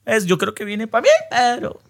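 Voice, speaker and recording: A man's voice: high voice, steady tone, moderate pace, gravelly. A man with a Colombian accent, co-hosting a podcast with casual joking banter. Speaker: podcast co-host. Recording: loud noise behind the voice.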